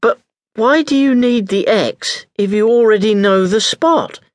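A man voicing a sharp, curious young girl who asks quick questions in a raised voice. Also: high-pitched, no echo, voice pushed up.

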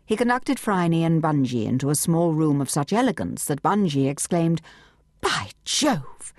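Low-voiced, expressive woman audiobook narrator. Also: dry recording, clean studio sound. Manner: measured, expressive storytelling. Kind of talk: scripted narration. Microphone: close studio mic.

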